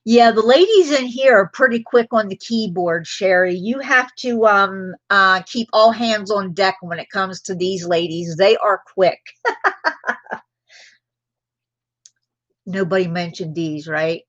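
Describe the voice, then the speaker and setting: Slow, chatty woman hosting a live sale. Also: medium pitch, a bit bright, no echo, highs cut off. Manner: chatty, drifts into personal stories between items. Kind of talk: casual live-stream selling chat.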